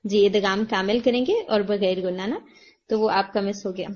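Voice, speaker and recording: A woman's voice: medium pitch, steady tone, darkish tone. Patient woman tutor on a muffled call. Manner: patient, explanatory, models words slowly. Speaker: Quran recitation teacher. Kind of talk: online tajweed lesson, giving feedback. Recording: dull lo-fi call audio.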